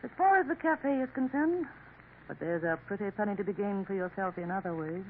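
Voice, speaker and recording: An actress in a 1950s radio play takes the part of a sly, scheming Parisian café woman who coaxes knowingly and sprinkles French endearments. Her animated mid-range voice is close to everyday and a little fast, heard through a tinny old broadcast with faint hiss.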